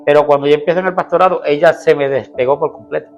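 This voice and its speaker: A man's voice: on the high side, fairly even intonation, quick pace, muffled recording, faint music behind. A man, a pastor, telling his personal testimony in an interview, earnestly, acting out what people said to him. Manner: earnest storytelling, acting out quoted dialogue.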